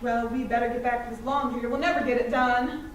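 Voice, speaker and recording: A woman's voice: on the high side, fairly even intonation, fast, close to an everyday voice. A woman acting a brash, sardonic small-town housewife in a stage play, with an emphatic, wisecracking delivery. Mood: exasperated. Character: brash sardonic small-town housewife, game-show addict, harried mother. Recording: echoey room, far microphone, faint noise.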